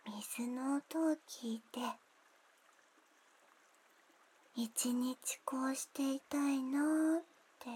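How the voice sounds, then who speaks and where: A woman playing a gentle, drowsy young attendant in an ASMR role-play, speaking soft, breathy, intimate pillow talk to lull a guest to sleep. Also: sits high, slow, exaggerated voice. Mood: dreamy, drowsy.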